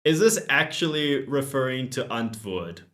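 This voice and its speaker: A man hosting a let's play, reading game dialog aloud and reacting to it. He is giggly and self-mocking and swears casually, talking at an unhurried, drawn-out pace in a mid-range voice. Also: mid-range voice, very animated, a bit bright.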